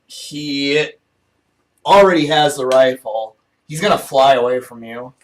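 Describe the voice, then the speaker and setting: A man's voice: mid-range voice, unhurried. A man running a tabletop game as game master, calling turns and ruling on actions with frequent laughs. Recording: distant mic with faint noise.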